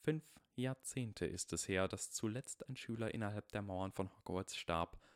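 A man voicing a stern, dignified older woman professor with slow, hushed, formal speech, as in an audiobook. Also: lowish voice, no room sound, studio quality, close to an everyday voice. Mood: grave.

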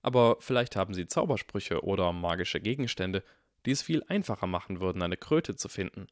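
A man's voice: deep voice, expressive, fairly quick, dry recording, clean studio sound. A man voicing a clever, cheeky young schoolboy with a wry, theatrical way of talking in a storybook reading.

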